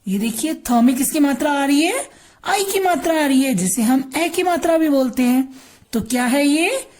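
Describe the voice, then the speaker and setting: A woman's voice: sits high, expressive, moderate pace, darkish tone. An Indian woman teacher giving a patient drawing and Hindi lesson to young children, repeating words and switching between Hindi and English.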